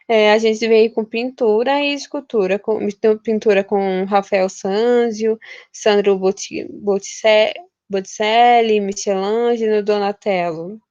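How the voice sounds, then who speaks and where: Young woman from Brazil, informal teacher, chatty and stumbling; slightly high voice, dry muffled recording. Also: darkish tone, no echo. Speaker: literature teacher. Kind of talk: casual recorded lesson. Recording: dull, lo-fi and dry.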